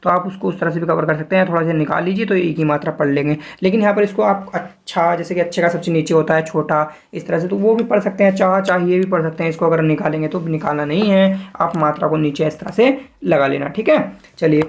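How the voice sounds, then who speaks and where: A man teaching shorthand, explaining step by step, checking in with listeners often and sounding out words slowly as he demonstrates. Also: fairly high pitch, vocal fry. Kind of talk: spoken lesson.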